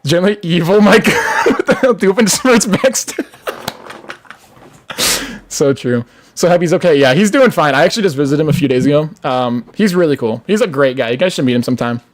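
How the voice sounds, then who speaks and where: A young adult live streamer ranting with heavy swearing and sudden shouts, then reading chat, voice wearing out. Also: mid-range voice, brisk. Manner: profane, animated ranting, bursts into shouting. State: losing voice.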